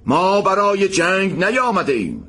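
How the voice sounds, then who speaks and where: A man's voice: high-pitched, sing-song, bright, forceful tone, heavily acted. An actor playing a male army commander who speaks in a firm, authoritative way. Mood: commanding. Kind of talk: audio drama acting.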